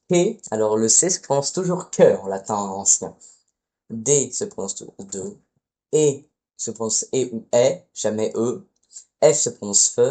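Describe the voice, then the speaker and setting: A man's voice: lowish voice, darkish tone. A man giving a casual spoken lesson as a teacher, hesitant and often correcting himself mid-phrase. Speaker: Latin teacher.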